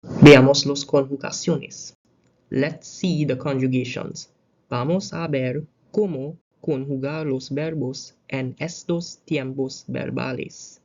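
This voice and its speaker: A Caribbean-accented teacher giving a language grammar lesson, reciting verb conjugations slowly and adding short explanations. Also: mid-range voice, steady tone, gravelly, warm tone, lo-fi sound. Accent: Caribbean English. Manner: slow, deliberate reciting of conjugations with asides. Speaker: Spanish teacher.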